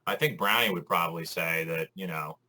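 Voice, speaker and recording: A man co-hosting a podcast in casual chat, articulate and measured as he builds an argument. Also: sits low, pushed and bright, rough recording. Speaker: podcast co-host.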